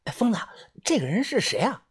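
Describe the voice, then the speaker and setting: A narrator voicing a nosy, jumpy young man in an audiobook, talking in a hushed, curious way. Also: high voice, wildly swooping pitch, fairly quick, husky, heavily acted. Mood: whispering. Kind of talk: audiobook character voice.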